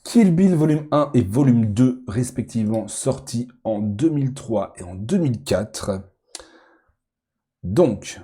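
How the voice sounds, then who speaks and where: A man's voice: medium pitch, expressive, slow pace, mellow, breathy edge. A man talking casually as he ranks films, rambling and often restarting his sentences with lots of fillers. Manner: rambling, self-correcting with many fillers and repeated words. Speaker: film YouTuber ranking movies. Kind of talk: casual chat.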